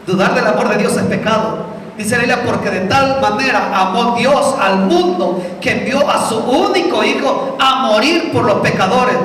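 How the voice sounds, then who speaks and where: Male pastor preaching in a church hall, high voice, distant mic with heavy echo. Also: a bit bright, slight background noise. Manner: preaching with rhetorical questions and acted-out dialogues. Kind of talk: sermon.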